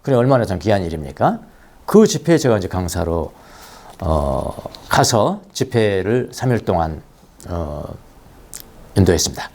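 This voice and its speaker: A man's voice: deep voice, very animated, moderate pace, darkish tone, husky. A middle-aged man preaching a Sunday sermon in a church, telling stories with chuckles and repeating key phrases. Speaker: pastor. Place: church sanctuary.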